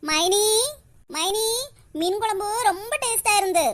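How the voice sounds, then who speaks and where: A doting village mother and her sweetly reformed daughter in a Tamil cartoon, both in a very high, bright, sing-song voice put on by a woman. The accent is Kanyakumari Tamil. The sound is close and clear. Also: unhurried. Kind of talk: animated cartoon voice acting.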